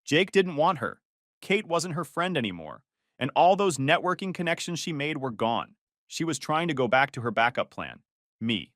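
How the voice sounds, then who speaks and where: Lively male story narrator, dry sound. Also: medium pitch, no echo. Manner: steady first-person storytelling.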